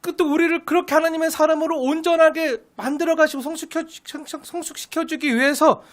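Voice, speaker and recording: A woman's voice: high voice, fairly even intonation, a little fast. A woman pastor preaching an expository sermon, asking the congregation questions and answering them herself, with emphatic stress on key words.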